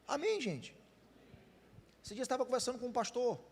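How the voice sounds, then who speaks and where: A man's voice: extremely high pitch, sing-song, brisk, gravelly, darkish tone, a little hiss or hum. A man with a Brazilian Portuguese accent, a pastor preaching a sermon, speaking straight to the congregation with questions and acted-out dialogue. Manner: addresses the congregation directly with questions; conversational preaching with quoted dialogue. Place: church hall. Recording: long hall reverb.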